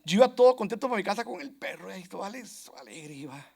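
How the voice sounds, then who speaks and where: A man's voice: high voice, expressive, very fast, gravelly, darkish tone, husky. A man preaching a sermon to his congregation in an earnest, repetitive way, often calling out to his brothers and sisters. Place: church.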